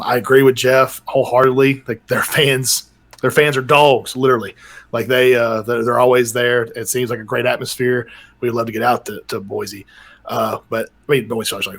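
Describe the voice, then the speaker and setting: A man's voice: mid-range voice, fairly bright tone. A man co-hosting a casual college football podcast, easygoing and loose. He reels off records and stats as he makes his case. His voice sits in an ordinary middle range. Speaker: podcast co-host. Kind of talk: casual sports debate.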